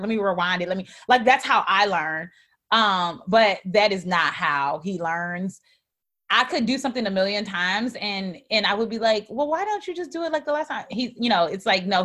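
A woman co-hosting a podcast in casual conversation, rambling with frequent fillers and restarts, and getting animated and expressive when she tells a story. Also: mid-range voice.

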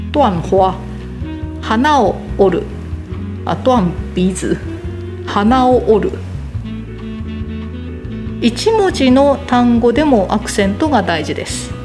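A woman teaching a language lesson, slowly and carefully demonstrating how word accents differ. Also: on the high side.

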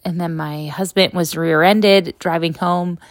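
Slow-paced woman podcaster, makeshift home recording. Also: on the low side, fairly even intonation, no room sound. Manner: candid, conversational, checks in with "right?". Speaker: podcast host. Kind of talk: casual personal podcast monologue. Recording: makeshift non-studio recording.

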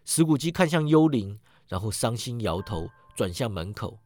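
A man reading a story aloud, expressive, his voice rising and sinking with the scene. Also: on the low side, moderate pace. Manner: expressive, rises and sinks with the scene. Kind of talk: storytelling narration.

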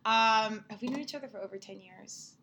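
A woman's voice: a little high, a little fast, a crowd in the background. A woman over thirty hosting a casual podcast in a playful, slangy, teasing way, her mouth a little numb from injections. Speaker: podcast host.

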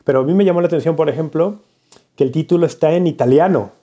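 A man's voice: fairly high pitch, quick pace, dark tone. A man co-hosting a casual podcast, explaining points patiently and teasing his co-host playfully.

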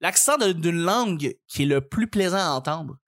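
A man with a Québécois French accent hosting a casual chat among friends, lively and quick to laugh. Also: a little high. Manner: lively, laughs often, stammers. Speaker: podcast host.

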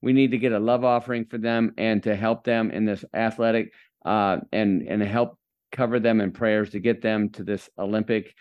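A man's voice: fairly low pitch, fairly even intonation, normal speed, highs cut off. A man hosting a faith-based podcast interview, enthusiastic and preacher-like as he encourages his listeners. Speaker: podcast host.

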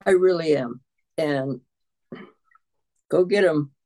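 A woman guesting on a podcast as a mother, speaking in a warm, affectionate, encouraging way. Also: sits low, takes it slowly, low-quality recording. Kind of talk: casual podcast interview.

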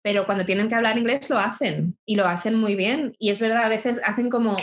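A woman's voice: fairly high pitch, fairly even intonation, a little fast, slight background noise. Reflective woman with frequent restarts. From Spain. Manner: thoughtful, with frequent restarts and rhetorical asides. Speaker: interview guest. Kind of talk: reflective conversation.

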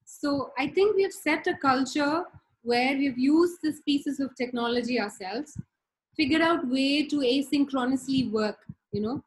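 A middle-aged woman from India, whose first language is Tamil, talks casually as a podcast guest on a remote call. Her high voice is a little slow and has an Indian accent, and she sounds thoughtful, with many fillers. The audio is poor.

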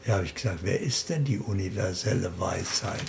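A man being interviewed, calmly and slowly laying out his spiritual practice point by point. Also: low voice, gravelly, slight background noise. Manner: slow, deliberate, explaining in lists. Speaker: interview guest. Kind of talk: calm spiritual interview talk.

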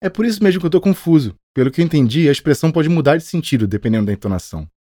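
Brazilian guy asking lots of questions on an english podcast, talks fast, lively melody, dry sound. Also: on the high side, no echo. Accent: Brazilian Portuguese. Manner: curious, questioning, jokey. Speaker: podcast co-host playing the learner. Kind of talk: scripted educational podcast dialogue.

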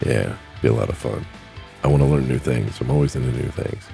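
Very deep gravelly-voiced man. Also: fairly quick, mellow, soft background music. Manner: rambling, plainspoken, swears casually. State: grieving, choking up. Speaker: podcast host. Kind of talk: casual solo podcast chat.

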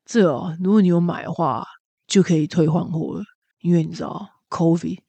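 A woman's voice: vocal fry, breathy edge, no echo. A woman doing a jaded, mumbling male clerk with a lilt. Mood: listless. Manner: slow, low, mumbling monotone. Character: weary jaded male store clerk, listless and flat.

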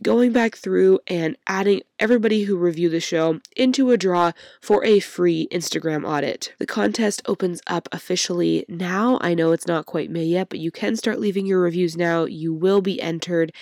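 A woman hosting a solo workshop-style podcast, croaky from a cold and upbeat as she speaks straight to her listeners. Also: on the low side, moderate pace, few pauses, darkish tone, no room sound, clean studio sound. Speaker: podcast host.

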